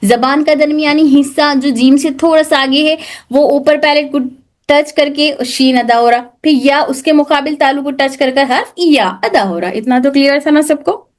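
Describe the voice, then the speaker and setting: A tajweed teacher leads an online class in a high-pitched voice at a normal pace. She poses questions and answers them herself, slipping English terms into her explanations.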